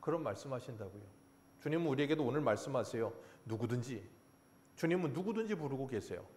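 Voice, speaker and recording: A man's voice: medium pitch, quick pace, a little hiss or hum. A man pastor preaching a sermon, acting out the voices of biblical figures and chuckling at himself. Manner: animated preaching, acts out God's and Jonah's lines, chuckles at himself.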